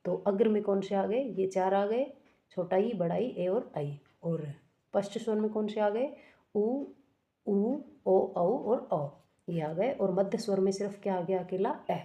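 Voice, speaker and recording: A woman with a medium-pitched, dark voice speaks a little slowly. She teaches an exam-prep grammar lesson step by step, posing questions and answering them herself while often correcting herself.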